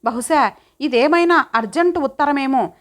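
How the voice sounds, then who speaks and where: A humble male office peon speaks politely to the lady of the house, as a woman narrator puts him on. The voice stays high and light, close to the reader's own. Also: moderate pace, lightly acted.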